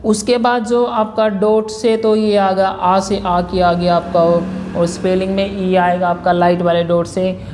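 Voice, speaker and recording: A man from India teaches a shorthand class at an unhurried, patient pace. He repeats key points and walks through one example after another. A faint hiss sits under his voice. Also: high-pitched, little pitch movement, a little mellow. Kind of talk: classroom lesson.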